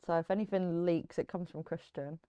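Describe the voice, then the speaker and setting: A woman's voice: lowish voice, fairly even intonation, fairly quick, mellow, clear, resonant tone, no echo. Teasing British woman interviewer. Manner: teasing, swearing, playful. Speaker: interviewer, podcast host. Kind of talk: casual interview chat.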